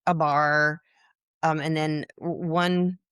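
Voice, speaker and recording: A woman in her sixties, interviewed as a client, talking in a halting way with many fillers and restarts. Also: deep voice, flat delivery, a bit bright, clean tone, no room sound, studio quality. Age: 60s. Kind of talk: casual interview.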